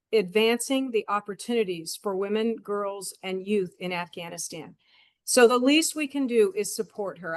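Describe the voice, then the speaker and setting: A woman's voice: fairly high pitch, no echo. A woman giving an earnest supportive speech over a video call, appealing to listeners to help a program. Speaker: guest speaker supporting the program.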